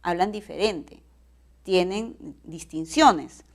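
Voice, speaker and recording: A woman's voice: fairly low pitch, slow pace. A woman teaching a recorded class, explaining step by step and often checking in with tag questions.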